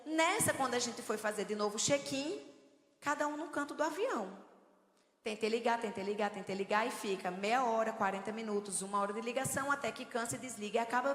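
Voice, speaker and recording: Middle-aged woman preacher, lively and humorous, fairly high voice, long church-hall reverb. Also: brisk. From Northeast Brazil. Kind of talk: sermon.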